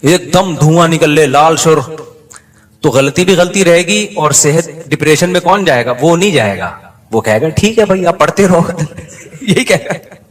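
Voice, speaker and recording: Male preacher, higher-pitched, sermon storyteller who acts out quotes with humor. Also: lively intonation, unhurried. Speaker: Islamic preacher.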